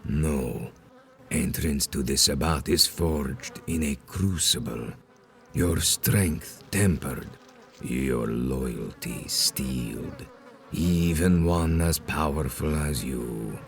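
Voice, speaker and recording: An extremely deep-voiced ancient vampire leader delivers grandiose video game villain speeches, slow and solemn, weighing each phrase with cold menace. The heavily acted performance has vocal fry and a mood of grave menace.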